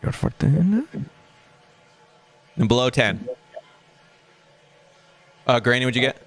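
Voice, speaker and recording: Laid-back man running an online game; expressive voice, good-humored. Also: mid-range voice, slow pace, gravelly. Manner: laughing, chatty, a bit disorganized. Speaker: dungeon master.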